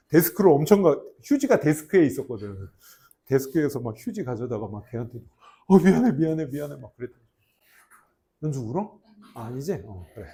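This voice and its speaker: A man teaching an English class to high school students, mixing grammar explanations with jokes and teasing. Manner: animated, jokey, teasing students between grammar points. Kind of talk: classroom lecture with banter.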